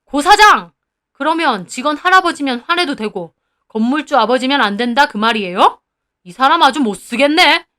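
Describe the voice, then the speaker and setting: A firm, reproachful middle-aged landlord, put on by a woman narrator, defending his father. He speaks in a high, clear voice. It is a storybook reading. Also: normal speed, a bit bright, natural voice.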